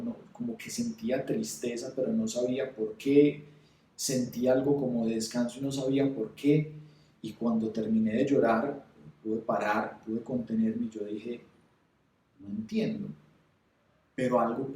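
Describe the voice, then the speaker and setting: A man sharing a personal faith testimony, halting and repeating words as he tells his story with feeling. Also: mid-range voice, dark tone, roomy sound, distant mic, rough recording. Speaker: testimony speaker.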